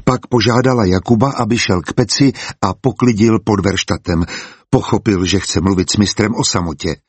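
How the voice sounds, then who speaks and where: A man narrating a storybook as an audiobook, in a calm and even way. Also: fairly low pitch, husky, no room sound.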